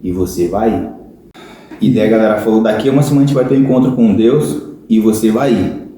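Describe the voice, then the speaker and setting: In a fairly low, dark voice and at a brisk pace, a Brazilian-accented podcast guest earnestly narrates how he converted, frequently saying "cara" to his listener. The room he's in is very echoey.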